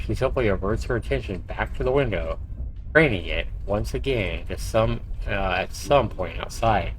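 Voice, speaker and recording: On a livestream, a man plays through a visual novel, reading the narration aloud storyteller-style with occasional short asides. His voice sits on the low side, and the poor audio carries a little hiss or hum over faint game music.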